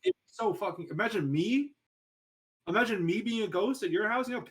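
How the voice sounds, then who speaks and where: Animated young man, swearing and laughing. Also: high-pitched, a little fast. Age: young adult. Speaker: podcast host. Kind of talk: casual chat.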